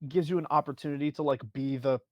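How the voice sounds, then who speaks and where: A man's voice: fairly high pitch, steady tone, fast, dry recording, lo-fi sound. A man giving casual advice on a livestream, phrasing hesitantly in short bursts full of filler words. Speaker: livestream guest with a music performance background.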